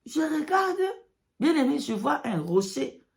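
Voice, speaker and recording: A woman gives religious testimony to followers in broken French, which is not her first language, mixing in English words and emphatically repeating phrases. Her high voice is gravelly and sing-song, and she keeps a measured pace.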